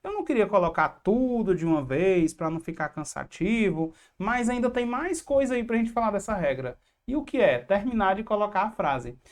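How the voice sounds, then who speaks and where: A woman's voice: medium pitch, a little mellow. A woman giving an online exam-prep lesson, explaining step by step, asking questions and answering them herself, with chatty asides to her students.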